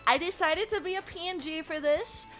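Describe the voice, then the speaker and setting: A woman livestreamer chatting casually with her viewers in a playful, excitable gamer-girl manner. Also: extremely high pitch. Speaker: livestreamer, host.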